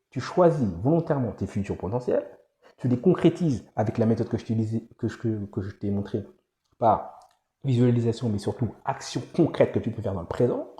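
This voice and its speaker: A man's voice: fairly low pitch, warm tone, reverberant. A man giving a casual, rambling monologue to the viewer for an online course, often repeating himself and restarting phrases.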